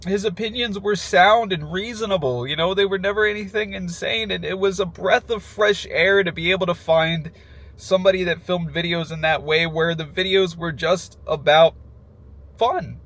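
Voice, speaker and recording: A man speaking casually and emotionally in a heartfelt personal tribute, halting as he goes, sad in his farewell. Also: sits high, fairly bright tone. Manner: emotional, halting, with nervous little laughs breaking into phrases.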